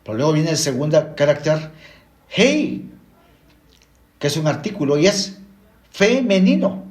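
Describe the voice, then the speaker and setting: Slow, animated man teaching scripture. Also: on the high side, reverberant. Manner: slow, deliberate, explaining word by word. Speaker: Bible teacher. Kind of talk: Bible teaching lecture.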